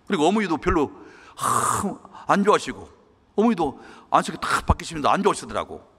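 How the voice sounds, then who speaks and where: Earnest pastor preaching in a reverberant hall. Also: male voice, on the high side, big pitch swings, brisk, sharp tone, breathy edge. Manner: earnest, emotional storytelling. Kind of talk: sermon with personal testimony. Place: church hall. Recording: long church-hall reverb.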